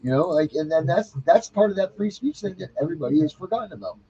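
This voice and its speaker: Lively jokey host guy, pitch all over the place, dull muffled audio. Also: quick pace, breathy edge. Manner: animated, jokey. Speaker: podcast host. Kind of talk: casual chat.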